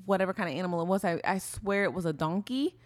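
A woman's voice: on the low side, fast talker, no echo, clean studio sound. A woman co-hosting a podcast in casual, rambling chat, full of restarts and fillers. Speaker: podcast co-host.

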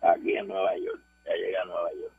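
A man's voice: sits low, completely flat delivery, a little fast, gravelly, slightly rough. A man with a Puerto Rican accent calling a radio show, a truck driver joking around playfully. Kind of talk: casual phone call to radio. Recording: muffled phone line.

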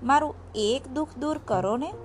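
A woman doing a gentle talking jujube bush. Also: high voice, normal speed, close to an everyday voice. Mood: pleading. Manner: soft, friendly, caring. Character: gentle female jujube bush, kind-hearted.

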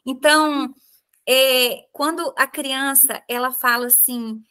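A woman's voice: high voice, steady tone, takes it slowly, bright, forceful tone, clear, resonant tone. A woman with a Brazilian Portuguese accent hosting a podcast interview, speaking earnestly as a mother with many tag questions and fillers. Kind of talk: conversational interview talk.

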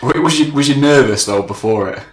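A man's voice: mid-range voice, brisk, roomy sound. A man hosting a casual interview, friendly and prompting with short questions. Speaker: host.

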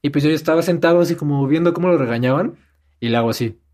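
A man's voice: a little high, rapid-fire, darkish tone. A young man with a Mexican Spanish accent telling stories in a casual chat and animatedly mimicking other people.

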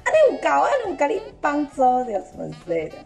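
A young woman with a Taiwanese Mandarin accent telling a story on a podcast, animated and laughing, acting out an old customer's lines in Taiwanese. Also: high-pitched, racing, vocal fry, faint music behind. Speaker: podcast host. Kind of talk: casual chat, storytelling.

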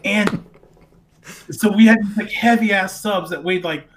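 A young adult tells a story in casual chat. The voice sits in a middle pitch and bursts into animated swings and laughter as the tale builds. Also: unhurried, background noise.

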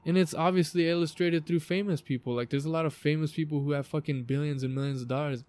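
A man's voice: a little high, steady tone, quick pace, darkish tone. A man with an American accent hosting a podcast in a backyard, chatting informally and emphatically with frequent swearing in a motivational way. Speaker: podcast host. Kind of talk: casual motivational podcast chat. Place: outdoors in a backyard.

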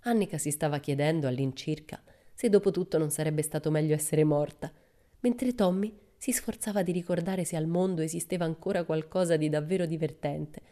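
A woman narrates a children's storybook in a measured, expressive reading. Her voice is on the lower side and dark, warm and mellow in tone. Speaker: audiobook narrator.

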